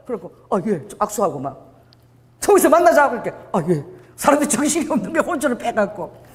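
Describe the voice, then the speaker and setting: A middle-aged woman pastor preaching a lively sermon, telling stories and acting out the dialogue herself. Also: medium pitch, fast talker. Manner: animated storytelling, acting out dialogue, frequent filler "막". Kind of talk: lively Pentecostal sermon with acted anecdotes. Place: church hall. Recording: long church hall reverb.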